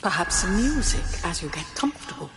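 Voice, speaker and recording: Polite robot-voiced house AI. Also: female voice, lowish voice, big pitch swings, noisy background. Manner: polite, measured, formal assistant phrasing. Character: calm female home AI system, polite and formal. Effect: synthetic robot-like computer voice. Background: game music.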